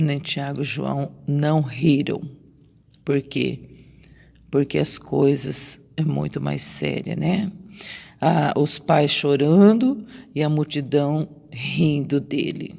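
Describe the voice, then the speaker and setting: A woman's voice: low voice, vocal fry, darkish tone. A Brazilian woman preaching a sermon, repeating her points with emphasis and asking rhetorical questions. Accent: Brazilian Portuguese. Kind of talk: sermon on a Bible story. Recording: long reverb.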